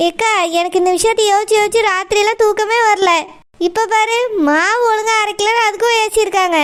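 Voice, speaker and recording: A woman's voice: very high voice, steady tone, a little fast. A woman voicing an outspoken young woman in a village cartoon, urging her elder sister in a blunt, insistent, scolding way. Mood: urging, indignant.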